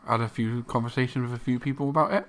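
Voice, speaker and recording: A man's voice: medium pitch, rapid-fire, fairly bright tone. Man, dry wit, casual podcast co-host, um-heavy speech. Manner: dry humour, filler-heavy. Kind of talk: casual chat.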